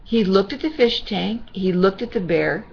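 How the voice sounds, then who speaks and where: A sweet, gentle older woman, a grandmother reading a children's storybook aloud with reassuring, chatty asides to a child. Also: mid-range voice, normal speed, vocal fry, slightly rough, highs cut off.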